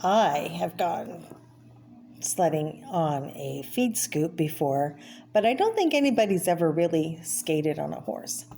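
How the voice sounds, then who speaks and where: Low-pitched and warm, a woman's voice stays very animated while keeping a measured pace. She is reading a children's art book plainly and explanatorily, as if for young listeners, with brief personal asides, in a homemade video with clear background noise.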